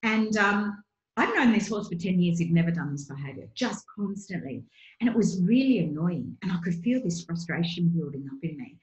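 Woman, middle-aged, lowish voice, earnest, chatty, echoey room. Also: animated, normal speed, muffled recording. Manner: earnest, chatty, many fillers. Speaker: guest, horse coach. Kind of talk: casual interview storytelling.

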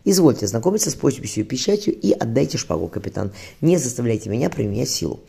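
A man's voice: medium pitch, very animated, fast talker, creaky, warm tone, breathy edge, full character voice. A man reading as a dry, commanding official.

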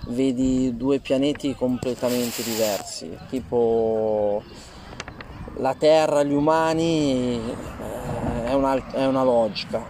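A man giving informal, halting testimony as an interview guest outdoors, rephrasing as he goes, his voice slightly muffled by a face mask. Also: medium pitch. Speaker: interview guest telling personal experience. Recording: faint outdoor ambient noise. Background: outdoor ambient noise.

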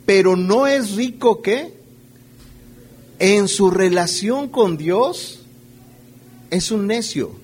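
A man preaches in a relaxed, conversational way, often asking his listeners rhetorical questions. His voice sits a little high for a man. A faint hum runs under his words. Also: extremely slow, long pauses. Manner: checks in with the audience through frequent rhetorical questions; playfully acts out everyday scenes while preaching. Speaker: pastor. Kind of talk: conversational sermon.

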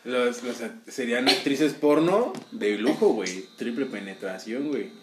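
A man's voice: mid-range voice, unhurried, echoey room, background noise. A young man with a Mexican accent who trades crude, vulgar jokes with friends. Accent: Mexican Spanish. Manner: vulgar, lively banter. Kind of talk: casual joking chat.

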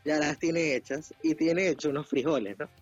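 A man with a Venezuelan accent, chatting casually on a podcast, slangy and animated, laughing often. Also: a little high, moderate pace, slightly rough. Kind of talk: casual chat. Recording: dull lo-fi sound with faint music.

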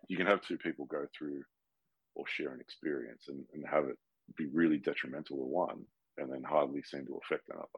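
A man with a very deep, husky voice chats easily in a reading group, sharing his thoughts. His sound is close and dry, with no room echo. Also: steady tone, brisk, lo-fi sound. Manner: easygoing, laughs while talking. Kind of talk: casual book discussion.

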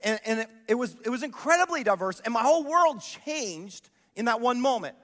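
High-voiced man preaching in a reverberant hall. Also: a little fast. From Columbus, Ohio. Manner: animated storytelling, rhetorical questions to the audience. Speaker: pastor. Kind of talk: sermon.

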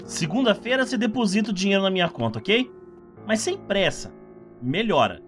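Sadistic male dentist, acted by a man, audio drama villain: gleeful, falsely kind, menacing, hugely animated intonation. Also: sits high, brisk, over music. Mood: falsely cheerful. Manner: falsely reassuring, menacing, with sinister chuckles. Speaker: character in an audio story. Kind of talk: dramatized horror audio story.

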